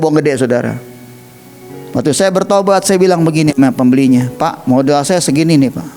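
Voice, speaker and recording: A man with an Indonesian accent preaching a sermon, telling stories animatedly and acting out quoted voices. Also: on the high side. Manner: animated storytelling, acts out quoted voices, addresses listeners as 'saudara'. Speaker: evangelist preacher.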